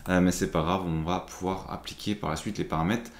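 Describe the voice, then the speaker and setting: A man's voice: sits low, fairly quick, gravelly, echoey room. A man with a French accent giving a step-by-step screen-recorded tech tutorial, talking through each action with frequent hesitations. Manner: explanatory, many "euh" fillers, steady step-by-step. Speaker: tutorial presenter.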